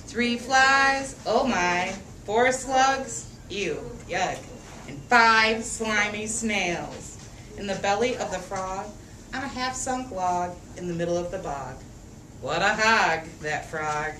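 A slightly high, sharp-toned woman's voice carries a lively picture-book reading for children, full of sing-song emphasis, stretched rhymes and questions for the listeners to answer. The mic is distant, the room echoes, and there's faint background noise.

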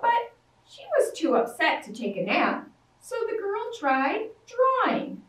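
Reading to little kids amid the toys of a library storytime room, the librarian uses an extremely high, slow, sing-song voice and plays out roars and shouts with animation. She sounds far away from the distant camera, in an echoey space with a little hiss or hum.

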